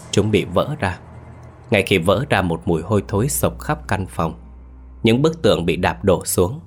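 A man narrating a horror story in a steady, dramatic way. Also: deep voice, breathy edge.

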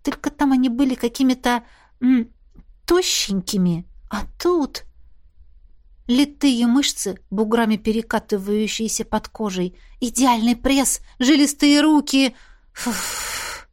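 A woman reading a first-person novel aloud with lively storytelling. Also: a little high, unhurried. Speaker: audiobook narrator. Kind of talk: first-person audiobook narration.

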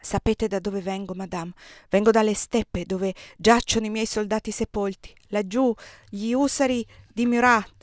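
A woman's voice: steady tone, moderate pace, no echo, studio quality, natural voice. A woman reading as a bitter, weary emperor. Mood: bitter furious. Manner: low and clipped, then roaring in anger. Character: weary, bitter male emperor, middle-aged.

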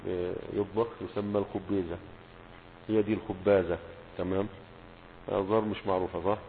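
A man with an Egyptian accent teaching a grammar lesson as a sheikh, asking rhetorical questions and stressing each word pattern slowly. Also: deep voice, flat delivery. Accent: Egyptian Arabic. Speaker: sheikh teaching Arabic morphology. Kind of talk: classroom lecture explanation. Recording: tinny phone-like lecture recording with hum and reverb.

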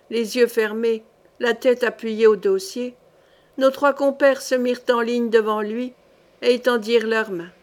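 French woman reading a historical novel. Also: a little high. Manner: steady expressive storytelling, voicing the characters lightly. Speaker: audiobook reader.

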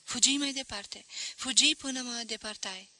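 Cititoare cu voce foarte luminoasă. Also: female voice, on the high side, dry recording, rough recording. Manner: measured, expressive storytelling. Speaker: audiobook reader. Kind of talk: literary audiobook narration.

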